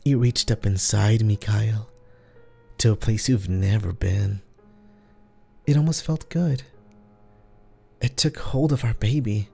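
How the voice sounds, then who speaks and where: A man voicing a creature that fakes a young woman's voice, at first sweet and calm, then spiteful and taunting. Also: on the low side, measured pace, creaky, long pauses, breathy edge, soft background music, exaggerated voice. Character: door creature faking a young woman's voice, cruel.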